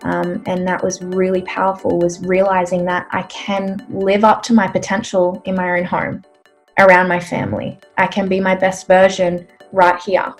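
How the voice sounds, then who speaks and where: A woman's voice: on the low side, normal speed. Bubbly woman over a music bed. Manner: bubbly, energetic. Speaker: event attendee giving a testimonial. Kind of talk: excited testimonial.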